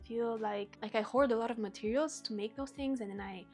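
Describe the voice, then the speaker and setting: Chatty young woman vlogging, soft music. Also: a little high, fairly quick. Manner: chatty, many filler "like"s. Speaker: vlogger and zine editor. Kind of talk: casual vlog talk.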